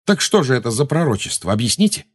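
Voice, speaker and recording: A man's voice: mid-range voice, very animated, fast, breathy edge, pitched above the performer's own voice. A man voicing a cornered but bold teenage boy wizard who taunts his enemies. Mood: defiant. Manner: defiant, taunting.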